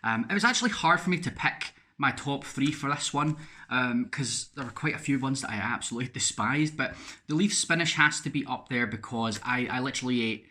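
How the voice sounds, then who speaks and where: A man's voice: medium pitch, fairly quick, bright, forceful tone. A Scottish man in a casual video diary, chatty, with frequent fillers and repeated words. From Scotland. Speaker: vlogger.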